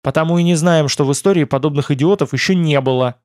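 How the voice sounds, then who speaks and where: A man voicing an anxious young woman, raised pitch. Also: a little fast, no room sound, lightly acted. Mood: fretful. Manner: soft, fretful.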